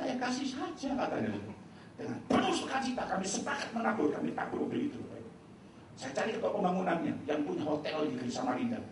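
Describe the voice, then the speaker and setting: A male pastor from Indonesia preaches with a lively, swooping voice and a gravelly edge. He talks quickly and acts out the lines of the people in his story. The sound is very echoey and distant, like a large church hall heard from back in the room, with faint noise behind it. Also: high-pitched. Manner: animated storytelling, acting out dialogue. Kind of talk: sermon.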